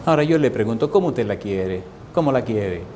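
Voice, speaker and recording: A man's voice: mid-range voice, lively intonation, fairly quick, a little mellow, a little hiss or hum. A man preaching a sermon with dramatic swings, at times acting out the voices of people in his stories. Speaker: pastor.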